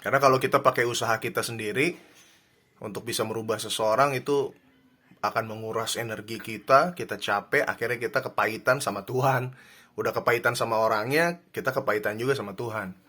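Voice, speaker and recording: Bright-voiced man giving calm advice. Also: mid-range voice, brisk. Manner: calm, reflective, many fillers and restarts. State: married. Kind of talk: casual advice talk.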